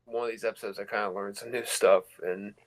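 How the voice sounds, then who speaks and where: A man co-hosting a podcast, replying in casual chat with hesitant, halting sentences. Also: on the low side, steady tone, low-quality recording. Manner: hesitant, halting replies with fillers. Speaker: podcast co-host.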